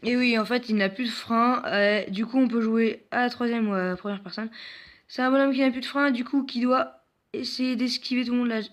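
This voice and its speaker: A man's voice: extremely high pitch, steady tone, brisk, a bit bright. A man presenting mobile games in casual gameplay commentary, hesitant and full of filler sounds, with self-mocking jokes. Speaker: mobile game video host.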